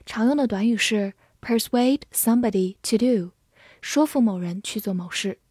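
A woman whose first language is Chinese, teaching English vocabulary in a scripted lesson, spelling words out letter by letter and reading example sentences slowly. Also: fairly high pitch, warm tone, husky, dry recording, studio quality.

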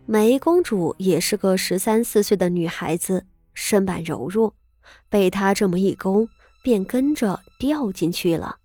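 Mellow-voiced woman narrating a story. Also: mid-range voice, no room sound, soft background music. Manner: dramatic, expressive reading with tense pauses. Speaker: audiobook narrator.

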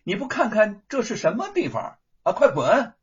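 A male storyteller voicing a rude, bullying gatekeeper servant who barks orders at an intruder in a husky voice. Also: high-pitched, wildly swooping pitch, normal speed, pitched above the performer's own voice, full character voice. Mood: blustering. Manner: gruff, bullying shouts. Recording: dull lo-fi recording.

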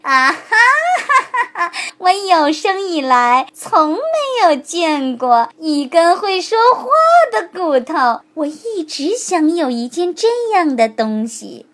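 A woman voicing a sly, greedy male fox who gloats slowly and laughs over his prey. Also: sits high, lively intonation, pitched above the performer's own voice. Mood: delighted. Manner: slow, drawn-out, gloating laughs.

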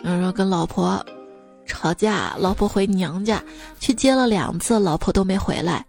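A woman radio host reading out listeners' jokes in a lively, amused storytelling manner. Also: medium pitch, moderate pace, creaky, soft background music.

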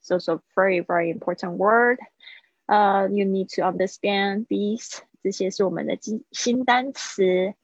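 A woman's voice: medium pitch, no echo. Woman teacher drilling english words, lo-fi dry stream audio. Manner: mixes Mandarin with English, drawn-out vocabulary drills. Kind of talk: live-streamed language lesson. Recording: husky, dull lo-fi stream audio.

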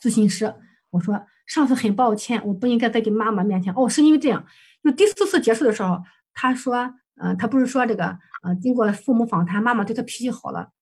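A woman's voice: on the high side, fast talker, darkish tone, slightly rough. A woman counselor presenting a client case for supervision, recounting session dialogue hesitantly with many fillers and self-corrections.

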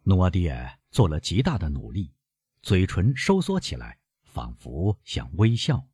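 A man narrating a classic novel as an audiobook in a measured, expressive reading. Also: deep voice, slightly rough, no echo, clean studio sound.

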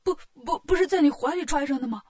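A woman's voice: sits high, quick pace, a little mellow, close to an everyday voice. A woman voicing anxious male palace soldiers in a storybook tale, urgent and pleading.

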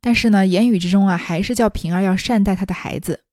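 A woman's voice: mid-range voice, quick pace, darkish tone, dry recording, clean studio sound. A woman reading a classic novel aloud and adding chatty, explanatory commentary. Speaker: storyteller.

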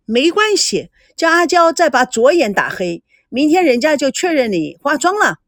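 A bossy young woman who teases playfully, her voice bright and animated, as a woman narrator puts her on. The reading is dry, close and lively. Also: sits high, normal speed, no room sound, voice pushed up. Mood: laughing teasing. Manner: teasing, bossy.

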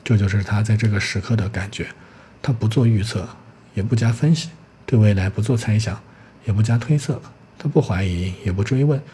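A man narrating a novel as an audiobook in a steady, even storytelling manner. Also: lowish voice, a little fast, a little hiss or hum.

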